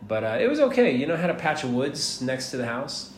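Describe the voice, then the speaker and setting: A fast-talking American man in his thirties with a mid-range voice and big pitch swings is a guest in a casual interview at a hostel. Originally from Miami and raised in Atlanta, he rambles in a laid-back way, laughs occasionally, and swears casually. The audio has a roomy echo and audible background noise.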